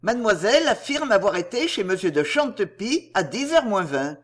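A reader voicing an older male magistrate, kind but stern, speaking in a measured, formal way. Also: mid-range voice, very animated.

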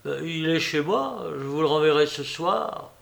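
A man's voice: a little high, animated, unhurried, vocal fry, a bit bright, heavily acted. A man doing a stammering, flustered young suitor. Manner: stammering, nervous.

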